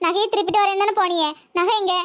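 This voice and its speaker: A woman voices a middle-aged wife and mother in a comedy cartoon, scolding and anguished, with a Tirunelveli Tamil accent. Her delivery is shrill and wailing, yet steady in tone and fast.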